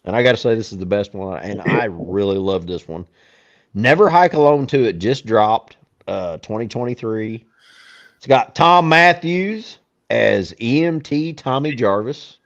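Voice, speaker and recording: A man's voice: lowish voice, unhurried. A man, co-hosting a podcast and telling long, profane stories in casual chat. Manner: profane, animated storyteller. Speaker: podcast co-host. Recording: dull lo-fi sound.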